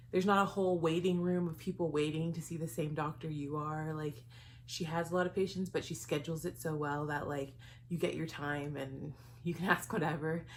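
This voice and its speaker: A woman's voice: on the low side, a little hiss or hum. A young woman chatting casually in a vlog, a bit out of breath, giggling and saying um often. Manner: chatty, giggly, with many ums. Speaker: vlogger.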